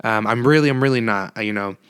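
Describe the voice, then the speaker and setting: A man's voice: on the low side, fast talker, a bit bright, clean tone. A young man hosting a solo podcast, ranting casually and profanely with lots of restarts. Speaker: podcast host.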